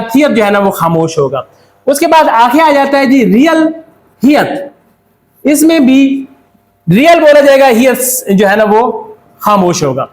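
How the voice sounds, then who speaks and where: A man's voice: very high-pitched, roomy sound. A man with a Pakistani Urdu accent, giving a step-by-step classroom lesson and answering his own questions. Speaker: Korean language teacher.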